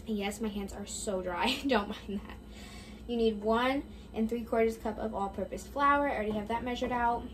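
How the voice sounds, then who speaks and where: A young woman baking vlogger narrates a recipe in her home kitchen, chatty and offhand, thinking aloud as she bakes. The camera sits on the counter with her mostly off-frame, and there is background noise behind her fairly high voice at normal speed.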